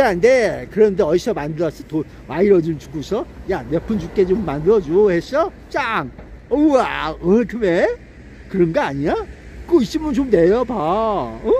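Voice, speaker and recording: High, lively man mocking and scolding. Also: slight background noise. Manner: mocking, scolding, full of rhetorical questions; laughs to himself often. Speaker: political commentator. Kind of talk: casual political monologue.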